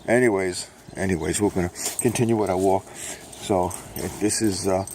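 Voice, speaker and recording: Low gravelly older man from Brooklyn. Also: fairly even intonation, moderate pace, a little mellow, slight background noise. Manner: rambling, self-mocking salesman patter, repeats a catchphrase. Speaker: self-published author promoting his books. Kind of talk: casual rambling vlog while walking a dog. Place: outdoors on a morning walk.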